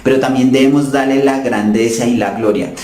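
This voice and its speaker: A man preaches an earnest sermon to his congregation, speaking to them as brothers and sisters. His voice is dark and mellow at a middle pitch. The recording carries a noticeable room echo. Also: steady tone, fairly quick. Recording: roomy echo.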